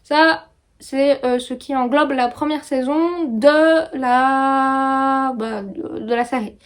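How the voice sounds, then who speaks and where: A woman in her thirties with a Belgian French accent, chatting casually about books in a vlog, with many pauses and fillers. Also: high-pitched. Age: 30s. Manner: chatty, hesitant with frequent fillers. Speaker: book vlogger. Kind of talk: casual book review vlog. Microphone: phone.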